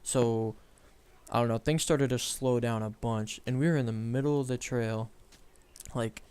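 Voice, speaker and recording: A man's voice: mid-range voice, steady tone, normal speed, darkish tone, a little hiss or hum. A young man casually telling a story on a chat show, rambling with lots of fillers and self-corrections.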